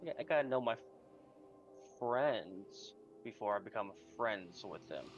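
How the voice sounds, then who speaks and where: A man's voice: fairly low pitch, animated, measured pace. A man playing a tabletop game, asking blunt questions in casual in-character chat. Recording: dull lo-fi mic, music behind.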